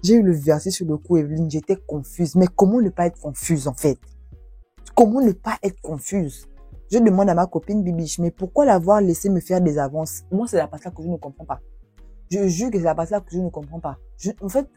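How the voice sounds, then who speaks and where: Expressive woman with a husky, mellow voice. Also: lowish voice, a little fast, dry recording, faint music behind. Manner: expressive, exclaims a lot. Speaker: YouTuber reading viewer stories. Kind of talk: storytelling with commentary.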